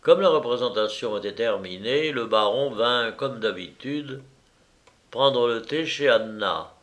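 A man narrating a novel aloud in a measured reading style. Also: medium pitch, animated, a bit bright. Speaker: audiobook narrator. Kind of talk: scripted narration.

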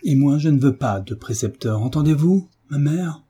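A man's voice: mid-range voice, moderate pace, dark tone, breathy edge, natural voice. A man reading a novel aloud, voicing a sulky, hot-tempered teenage boy who defies his mother. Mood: sullen. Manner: sulky and defiant.

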